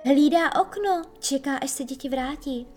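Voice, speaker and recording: A tiny, kind-hearted fairy girl who speaks in a soft, whispery way, as a woman reader voices her. Her voice is high and light, with faint music underneath. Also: animated. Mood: gentle. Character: small kind fairy girl, gentle and obliging.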